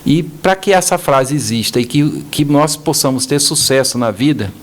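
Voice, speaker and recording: Brazilian man telling a lively story. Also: fairly high pitch, moderate pace. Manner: animated storyteller, acts out quoted voices. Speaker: business owner guest. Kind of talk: storytelling interview.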